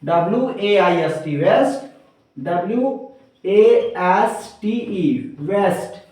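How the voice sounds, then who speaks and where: A man's voice: sits high, lively intonation, extremely slow, a little mellow. A male teacher giving a grammar lesson, spelling out words letter by letter and repeating each term. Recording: roomy echo, from far off.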